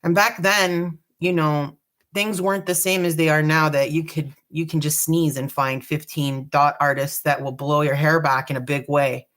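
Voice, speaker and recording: A woman hosting a live dot painting tutorial, chatty and relaxed, joking about her own nerves. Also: low-pitched, normal speed. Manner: chatty, relaxed, self-deprecating. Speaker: craft tutorial host.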